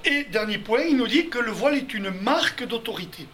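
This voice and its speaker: A man's voice: very high voice, lively intonation, a little fast, a bit bright, slight background noise. A man leading a Bible study, explaining verses step by step and speaking directly to his listeners. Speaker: Bible teacher. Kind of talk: Bible study teaching to a group.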